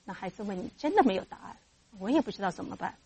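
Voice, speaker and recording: Speaking fast with a husky, medium-pitched voice, a woman gives mothers a church teaching on raising children in faith. She's lively and acts out the voices of parents and children as she goes.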